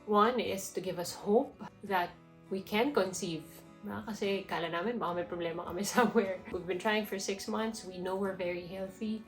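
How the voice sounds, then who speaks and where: An earnest woman with a Filipino accent speaks from the heart, moving between English and Tagalog. Her mid-pitched voice has a gravelly edge. She sits in an echoey room while soft music plays underneath. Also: steady tone, normal speed. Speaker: vlogger. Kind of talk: personal testimony.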